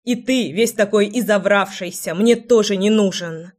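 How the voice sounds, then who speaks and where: A woman's voice: medium pitch, normal speed, darkish tone, close to an everyday voice. Cutting, resolute young woman seer, voiced by a woman in an audiobook. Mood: scornful. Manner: cold, cutting.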